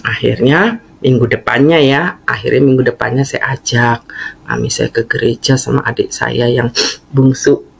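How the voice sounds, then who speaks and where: A woman's voice: very deep voice, fairly even intonation, vocal fry, slightly rough, poor audio. A middle-aged woman tells a church testimony in an earnest, storytelling way. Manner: slow, earnest storytelling with fond laughter. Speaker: former singer giving a faith testimony.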